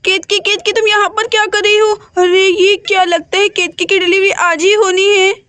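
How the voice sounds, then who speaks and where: A woman's voice: extremely high pitch, flat delivery, moderate pace, a bit bright, dry recording. Woman voicing a caring elder sister in charge. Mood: reassuring. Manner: reassuring and directing.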